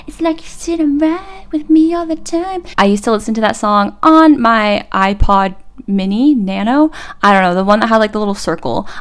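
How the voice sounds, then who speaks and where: A young woman vlogger retelling a film from memory in a casual, filler-heavy way, acting out lines in a higher voice. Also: clean tone. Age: young adult. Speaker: YouTuber. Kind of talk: casual chatty movie recap.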